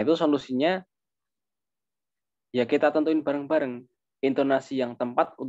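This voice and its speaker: A young man mentoring over a video call, his speech loose and casual, full of fillers as he thinks aloud. His mid-pitched voice comes through dull, lo-fi audio. The sound is dry and close, with no room behind it. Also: dry recording. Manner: relaxed, informal, with many fillers and asides. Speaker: webinar speaker answering questions.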